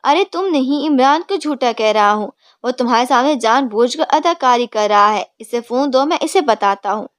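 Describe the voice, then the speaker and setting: A woman voicing a blustering older father, startled and gruff but quickly cowed by his wife. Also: extremely high pitch, lively intonation, fairly bright tone, no room sound, clean studio sound. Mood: alarmed. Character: blustering rich older father, easily flustered.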